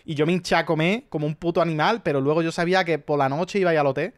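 Male Spanish streamer, slightly high voice, loose profane storytelling chat. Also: very fast. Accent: Spanish from Spain. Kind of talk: casual chat.

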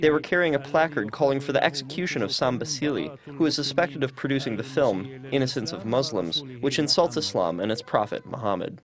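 A man narrates scripted news in a medium-pitched voice. Clear crowd sound runs behind the voice-over. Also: animated, a little fast, hardly any pauses.

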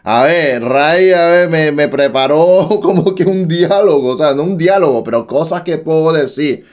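A man's voice: a little high, moderate pace. A man hosting a prank call video, talking casually with frequent cursing and bursts of laughter. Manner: loud giggling fits, cursing. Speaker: host.

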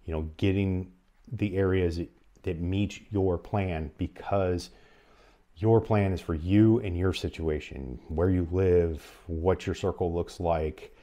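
This presenter of an emergency radio advice channel sounds like he's in his forties and has a North American accent. His voice is low, mellow and steady as he offers explanatory advice to the camera in a measured, halting way, indoors in a small furnished room at home.

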